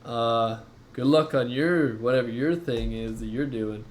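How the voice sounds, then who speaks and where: A man's voice: medium pitch, unhurried, lightly acted. A man voicing a chatty robot townsman, casual and rambling, calling everyone man and dude. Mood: laid-back. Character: chatty robot townsman who turns into a cart.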